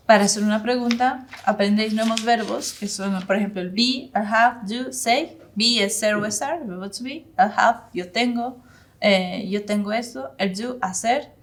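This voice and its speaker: Woman teaching English in Spanish. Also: slight background noise. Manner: explains in Spanish, models English phrases slowly with rising pitch; hesitant, searches for words with many fillers. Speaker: English instructor. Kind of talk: informal online language lesson.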